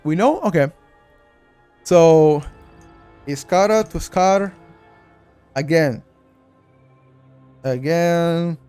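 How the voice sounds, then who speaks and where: A man's voice: fairly high pitch, animated, extremely slow, long pauses, mellow, clear, resonant tone, faint music behind. A man with a Bulgarian accent, talking through a game walkthrough on a live stream and speaking straight to his chat, often repeating himself. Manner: chatty, addresses chat directly, repeats himself.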